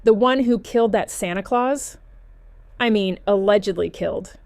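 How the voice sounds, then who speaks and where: A woman's voice: mid-range voice, moderate pace, creaky, a little mellow, no room sound, close to an everyday voice. A woman voicing a blunt, somewhat jaded female desk clerk at a small-town police station in an audiobook. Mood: matter-of-fact.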